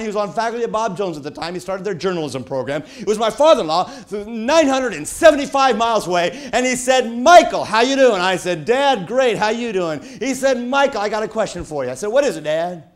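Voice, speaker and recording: A middle-aged man preaching a sermon, telling a personal story with folksy, dramatic swings from shouts to hushed tones. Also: sits high, expressive, fairly quick, hardly any pauses.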